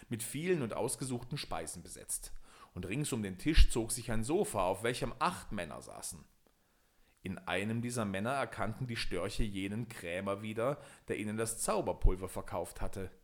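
A man narrating a fairy tale audiobook in a measured, expressive storytelling manner. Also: lowish voice.

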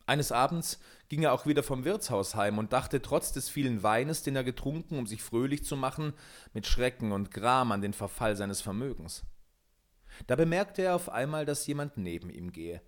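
A man narrating a fairy tale with a measured, expressive reading. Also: medium pitch.

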